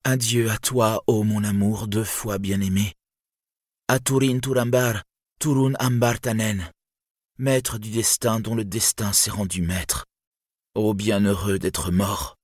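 A man's voice: fairly low pitch, fairly even intonation, takes it slowly, no room sound, clean studio sound, pitched above the performer's own voice. A man voicing a frantic, despairing young woman in an audiobook, crying out in anguish. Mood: grieving. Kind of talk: audiobook reading.

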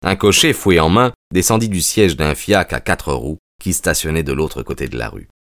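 A man narrating an audiobook in a measured storytelling manner. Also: very deep voice, lively intonation, a bit bright, dry recording, studio quality.

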